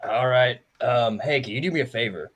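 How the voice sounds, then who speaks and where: A man chatting casually as a tabletop game player, low-key and a little hesitant. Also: fairly quick, a bit bright. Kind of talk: casual chat.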